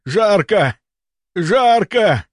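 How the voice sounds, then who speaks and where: A man's voice: sits high, big pitch swings, extremely slow, no room sound, studio quality, voice pushed up, heavily acted. A screaming, fevered male patient. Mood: burning panic. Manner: screaming, stammering with chattering teeth.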